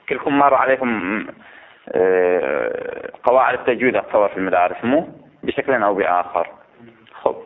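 Man lecturing over a tinny line. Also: medium pitch. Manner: explains step by step, poses questions to the class. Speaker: religious teacher. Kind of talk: classroom lesson on Quran recitation rules. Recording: tinny phone-like lo-fi recording.

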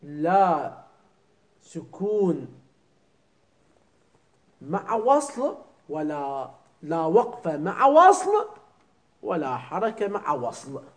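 High-voiced teacher quizzing students. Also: male voice, big pitch swings, extremely slow, pauses often, rough recording. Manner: keeps asking students "clear?" and quizzing them. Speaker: religious teacher. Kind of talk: seminary jurisprudence lesson.

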